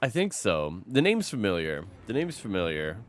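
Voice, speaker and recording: A man's voice: lowish voice, wildly swooping pitch, normal speed. A man streaming a game while sick, chatting loosely with his viewers and answering chat as he plays. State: sick, slightly rough voice. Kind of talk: casual live-stream chat.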